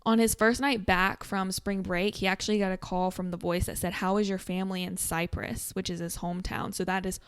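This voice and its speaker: A woman's voice: flat delivery, brisk, few pauses, smooth. A woman co-hosting a podcast, casually retelling a true stalking story with lots of fillers. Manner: retells stories with frequent fillers, drops to a low murmur for asides. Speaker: podcast co-host.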